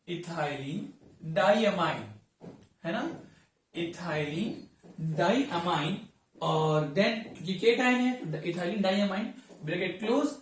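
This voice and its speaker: A classroom teacher walks students through a chemistry lesson, calling them "beta" and stopping often to check they follow. The voice rings through a strongly echoing room. It sits some distance from the microphone. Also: medium pitch. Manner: addresses students as 'beta', often checks understanding. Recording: very echoey room, voice far from mic.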